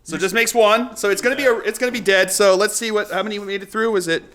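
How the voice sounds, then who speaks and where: A man with a high, bright voice talks through a tabletop battle as host, calling out dice results in a loose, casual play-by-play. He laughs often and breaks into excited whoops when the rolls turn. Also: rapid-fire. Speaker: host and player.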